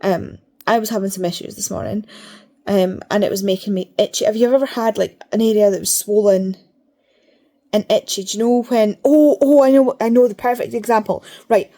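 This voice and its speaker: Female vlogger, casual and rambling, mid-pitched, speaks through a barely opened mouth, repeats words for emphasis. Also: steady tone, fairly quick, dark tone. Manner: talks with mouth barely open. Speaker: reading vlogger. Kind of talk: casual chat to camera.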